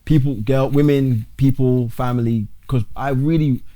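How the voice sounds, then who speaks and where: A young man, a podcast guest talking casually and haltingly, restarting his sentences often. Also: medium pitch, steady tone, warm tone. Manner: halting, restarts often, calls the host bro. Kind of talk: casual interview talk.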